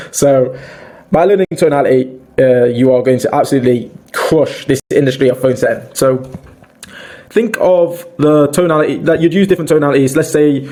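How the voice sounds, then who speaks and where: A man's voice: on the high side, warm tone. A man giving an informal sales training talk, addressing listeners as "boys" and often restarting his sentences. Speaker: sales coach. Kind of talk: casual online training talk.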